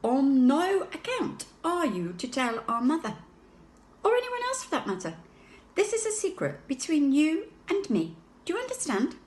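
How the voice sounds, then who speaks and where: A woman's voice: sits high, wildly swooping pitch, normal speed, darkish tone, reverberant, pitched above the performer's own voice. A woman reading a children's book aloud, voicing a newborn baby boy who talks like a superior, matter-of-fact adult. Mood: lecturing.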